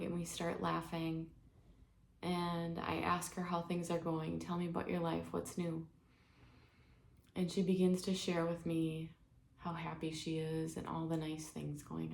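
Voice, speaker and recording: A woman leading a guided healing exercise, speaking in a gentle, soothing way, step by step. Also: fairly low pitch, gravelly, a little hiss or hum. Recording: echoey room with faint ambience.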